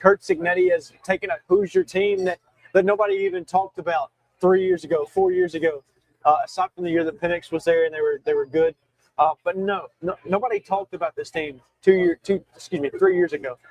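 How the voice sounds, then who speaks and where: A man's voice: sits high, a little fast, no room sound, rough recording. A young man hosting a solo sports talk show, talking emphatically with frequent restarts and self-corrections while he has the hiccups. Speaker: show host.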